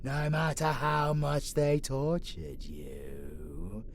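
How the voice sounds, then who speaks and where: A man performs a menacing vampire abomination in a monster audio roleplay, delivering a dramatic villain monologue in a gravelly growl. He's theatrical, taunting and foul-mouthed, lurching between whispers and shouts, and plays the creature as a sadistic predator with a grudging fondness. Here he sounds incredulous, speaking very slowly in a mid-range voice over a slight hiss or hum.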